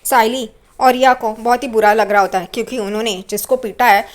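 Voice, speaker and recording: A woman recapping a TV serial episode in a casual, animated storytelling style. Her voice is high and she narrates scenes vividly. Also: a little fast.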